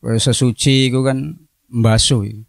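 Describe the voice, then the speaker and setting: A man's voice: mid-range voice, steady tone, moderate pace, vocal fry, no echo. A middle-aged man, a religious teacher giving a classroom lecture on a religious text, explaining it word by word with playful asides on word meanings. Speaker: religious teacher at an Islamic boarding school.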